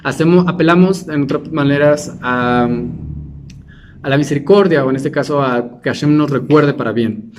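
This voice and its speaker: A man with a slightly raised pitch teaches a religious class in a loose, conversational way. He keeps asking his listeners questions and often restarts his sentences. A faint hiss of noise sits under his voice. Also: moderate pace, a little mellow. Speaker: Torah teacher.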